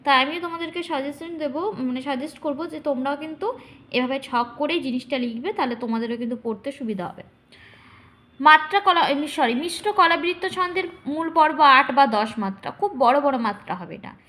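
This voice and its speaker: A woman teacher explaining poetic meter to students, speaking to them directly and drawing out syllables slowly to demonstrate. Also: sits high, animated, a bit bright. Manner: addresses students directly, checking understanding.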